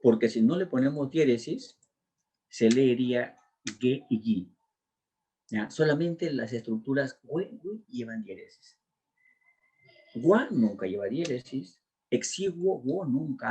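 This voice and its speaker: Husky man teaching exam answers. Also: mid-range voice, dark tone. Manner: drilling, walks through answers step by step. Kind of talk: exam prep lecture.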